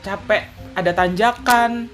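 A man from Lampung, Indonesia, telling stories in a casual chat as co-host, relaxed and quick to laugh. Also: high voice, over music. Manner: laid-back storytelling, laughs often.

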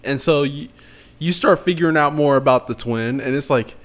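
A man's voice: medium pitch, moderate pace. Regular guy chatting loose and slangy, lots of likes and uhs, mid voice. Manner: animated, loose and slangy, many fillers. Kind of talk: casual chat.

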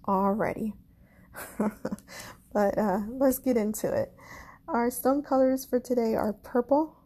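A woman with a Caribbean accent hosting a spiritual podcast, talking slowly and gently with self-deprecating asides. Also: fairly high pitch, gravelly, slightly rough. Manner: slow, gentle and self-deprecating, with soft laughs. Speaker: podcast host, astrology and crystal reader. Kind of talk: casual spiritual podcast monologue.

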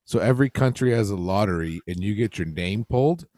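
A man's voice: on the low side, expressive, brisk, a little mellow, no room sound. Laid-back man, dry sound. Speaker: podcast co-host. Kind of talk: casual chat. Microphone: video call.

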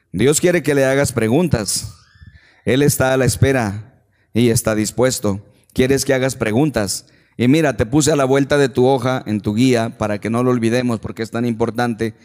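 Emphatic pastor in a reverberant hall. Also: male voice, mid-range voice. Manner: emphatic, rhetorical questions to the congregation. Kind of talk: sermon.

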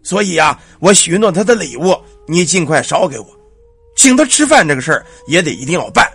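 A man voicing the ghost of a dead old father who speaks through his daughter-in-law, slow and commanding. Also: fairly high pitch, sing-song, creaky, fairly bright tone, slightly rough, full character voice. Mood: solemn. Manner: slow, drawn-out, commanding speech.

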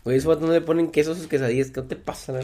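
A man's voice: fairly high pitch, steady tone, crowd noise. A young man, chatting casually with friends, slangy and joking. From Mexico. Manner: fast, slangy and joking, acts out quoted exchanges. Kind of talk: casual chat.

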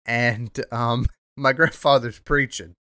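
Young man, podcast host, mid pitch, rambling, profane, full of ums, dead dry sound. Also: steady tone, slow, bright, forceful tone, smooth, dry recording. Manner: rambling and profane, heavy with "um" fillers. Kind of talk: casual monologue.

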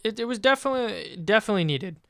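A man's voice: high voice, expressive, very fast, gravelly, fairly bright tone, smooth, no echo, studio quality. A man co-hosting a casual sports podcast, mostly agreeing and adding short comments. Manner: agreeable, chimes in with short replies. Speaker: podcast co-host. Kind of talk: casual sports draft chat.

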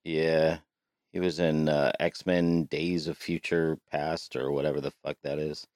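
A man's voice: rumbling low, level tone, unhurried, darkish tone, no echo, studio quality. A man co-hosting a podcast, chatting casually and swearing freely with many restarts, recorded inside a small closet. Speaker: podcast co-host. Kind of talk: casual chat.

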